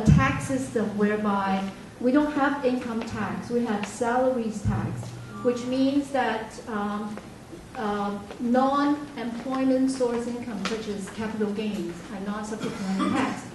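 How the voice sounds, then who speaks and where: A woman from Hong Kong giving an earnest, measured public speech at a forum, pausing often with fillers. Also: a little high, noisy background. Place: meeting room. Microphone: far from the recording mic. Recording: echoey hall recorded from far off.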